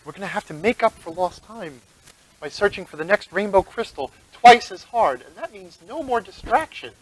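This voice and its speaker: A man's voice: high-pitched, animated, normal speed, breathy edge, pitched above the performer's own voice, rough recording. A man voicing a stern female talking cat who mentors young heroines. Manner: stern, urgent.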